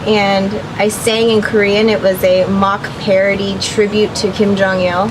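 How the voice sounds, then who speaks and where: A woman's voice: medium pitch, flat delivery, measured pace, background noise. A young woman chatting in a casual interview about her acting work, talking freely with many fillers and frequent laughs. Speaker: actress interviewee.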